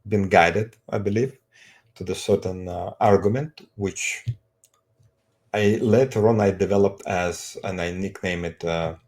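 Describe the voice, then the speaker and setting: Middle aged guy w azerbaijani accent, low mellow voice, kinda halting, just chatting about himself. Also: fairly even intonation. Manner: halting, non-native English phrasing. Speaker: street evangelist, co-presenter. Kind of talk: conversational personal introduction.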